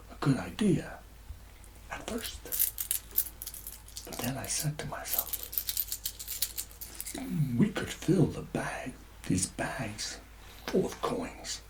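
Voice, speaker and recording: Background noise accompanies a man with a voice on the low side who performs a gentle ASMR tax collector roleplay. He comes across as hesitant and conspiratorial, frequently lowering himself to a whisper.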